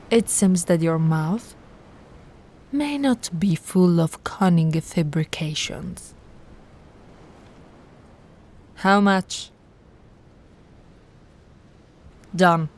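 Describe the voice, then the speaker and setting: Speaking in a lowish, slightly mellow voice, a woman performs an ASMR roleplay as an arrogant, possessive undying vampire noble. She is commanding and condescending in a theatrical way, often lowering to a breathy whisper, and sounds intrigued as she gives orders.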